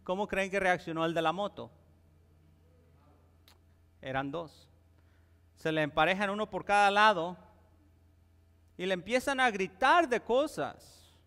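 Pausing often and never hurrying, a pastor with a high, somewhat bright voice preaches to his congregation in a conversational way, checking in with them frequently. The sermon echoes with the long reverb of a church sanctuary.

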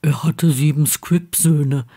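A stubborn teenage boy wizard, blunt and grumbling, as a woman reads him in a fan audiobook. The voice sits a little lower than the narration and stays hushed, as if keeping quiet in a dark dormitory. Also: steady tone, slow pace, slightly rough, full character voice.

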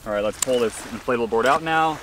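A man casually unboxing gear for a vlog, relaxed and upbeat, recorded on a camera mic at a distance. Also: medium pitch, quick pace. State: briefly out of breath after pumping. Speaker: paddleboard vlogger. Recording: distant mic with background noise.

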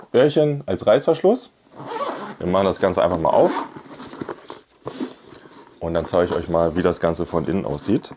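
A man with a low-pitched voice, a YouTube product reviewer, chats casually while presenting and demonstrating products, with a noisy background. He records in a small indoor room against a plain wall, using a clip-on lavalier mic on his shirt.

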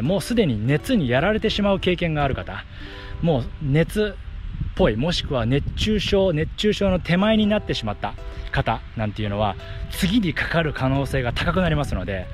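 A man's voice: mid-range voice, sing-song, fairly quick, faint music behind. A man explaining things to the camera in short phrases as he talks while running outdoors. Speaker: running vlogger and athletic trainer. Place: outdoors on a path by fields. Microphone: action camera at arm's length.

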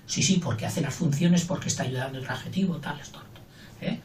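A man's voice: a little high, fairly quick, a little mellow, distant mic. An older man gives a casual, playful grammar lesson. He talks in a chatty way and acts out little everyday scenes. He sits back from the microphone in a roomy, echoing space. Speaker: teacher. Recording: roomy, voice from off the mic.

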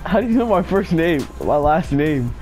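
A man's voice: a little high, very animated, moderate pace, over music. A young man trash-talking casually over a game, goading and repeating himself. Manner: goading, repetitive. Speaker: gamer. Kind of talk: casual trash talk while gaming.

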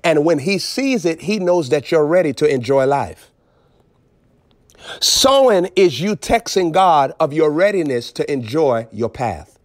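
A man preaching with emphatic swings between low intensity and raised outbursts. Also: very animated, unhurried, dry recording, clean studio sound. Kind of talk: preaching on a phone broadcast.

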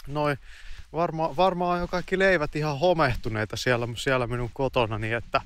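A man's voice: a little high, a bit bright, clear, resonant tone, lightly acted. A man voicing an impressed young man who rambles on in admiration of his friend. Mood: admiring.

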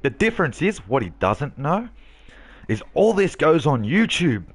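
A brash male streamer talks trash at a heckler, swearing freely. His voice sits a touch high and swings widely in pitch. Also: sing-song, measured pace. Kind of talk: live game stream chatter.

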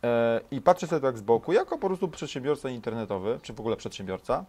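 A man's voice: mid-range voice, expressive, fast, darkish tone. A man in his thirties interviewing a guest, probing with challenging questions and hesitating with many fillers, on a lapel mic in a studio. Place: studio set with dark backdrop and sofas.

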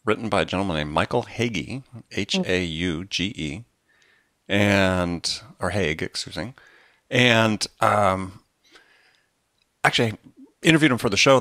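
A man with a low, bright, forceful voice hosts a podcast discussion about books. He explains things conversationally but rambles, often wandering into asides, and the dry recording has studio quality.

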